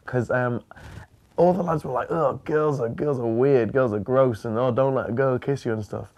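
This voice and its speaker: Young guy from up north remembering being a kid, lots of ums, rushes then trails off. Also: mid-range voice, a little mellow, highs cut off. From northern England. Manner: rambling, hesitant, many fillers, bursts of quick talk. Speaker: interviewee. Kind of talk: reminiscing about childhood.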